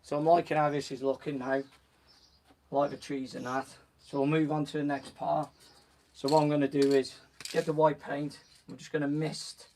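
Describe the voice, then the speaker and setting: A croaky-voiced man, slightly high-pitched and speaking at a moderate pace, explains his painting step by step while working, as an instructor on a live stream. His easygoing talk is full of "so" and "just gonna," and the mic picks him up from a distance over faint background noise.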